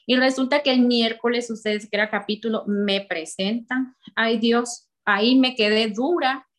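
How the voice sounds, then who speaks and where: A woman's voice: on the high side, steady tone, moderate pace. A young woman with a Honduran accent gives a heartfelt personal faith testimony, speaking directly to her listeners.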